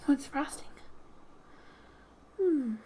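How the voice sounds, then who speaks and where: A woman with a high, mellow voice hosts a quiet gaming ASMR session, reading text aloud and narrating the game with playful asides over background music. She speaks softly and breathily, often drifting toward a whisper, in a gentle, unhurried yet animated way. The rough recording carries a little hiss or hum.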